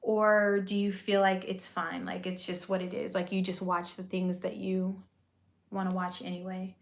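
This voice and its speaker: A chatty, laid-back vlogger and aspiring actress talks to her live-stream viewers in a soothing voice, sprinkling in "like" and "you know." Her medium-pitched voice is gravelly, with flat delivery at normal speed, and the room has an echo.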